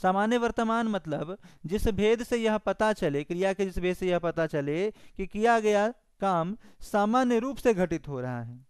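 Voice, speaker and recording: Slow, clear Hindi grammar teacher, man. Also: sits high, expressive, dry recording, clean studio sound. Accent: Bihari Hindi. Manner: slow, repetitive dictation of definitions. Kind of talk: online exam-prep lesson.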